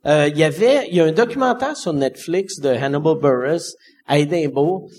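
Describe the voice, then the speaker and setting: A man in his forties with a Québécois accent, a stand-up comedian telling a story in casual talk, swearing freely and dropping low for punchlines. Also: expressive, moderate pace, darkish tone. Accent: Québécois French. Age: 40s.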